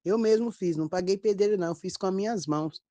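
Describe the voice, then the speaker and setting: A woman pastor with a Brazilian accent, telling a testimony in a sermon, with lively storytelling and acted quotes. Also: mid-range voice, fast talker, dry recording. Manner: storytelling, animated quoted dialogue.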